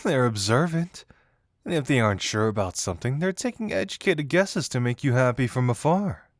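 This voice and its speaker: Man acting Dazai, a teasing, lively flirt. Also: mid-range voice, dry recording, studio quality, lightly acted. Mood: blunt, dismissive. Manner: teasing, theatrical, drawn-out words. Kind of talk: intimate roleplay audio acting.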